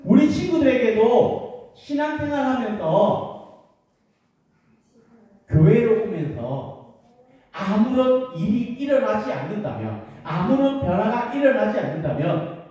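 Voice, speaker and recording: A woman giving a children's sermon as a pastor, speaking gently and putting questions to the young listeners in a church. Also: a little high, sing-song, a little slow, pauses often. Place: church sanctuary. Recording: echoey church hall from far off.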